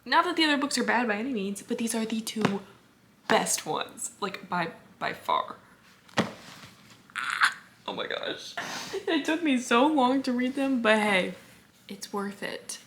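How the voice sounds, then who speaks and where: A woman's voice: a little high, expressive, a little slow, long pauses, a bit bright, a little hiss or hum. A young woman in her twenties chatting casually in a reading vlog, gushing and filler-heavy. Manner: chatty and gushing, full of "like" and "literally". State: slight lisp from a retainer. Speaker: book vlogger.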